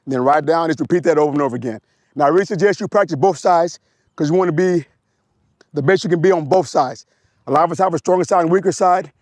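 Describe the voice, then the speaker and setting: Here a man with a hoarse, fairly high-pitched, darkish voice instructs motorcyclists through a slow-speed exercise, step by step and with repeated short cues. The outdoor wireless-mic recording has no room sound.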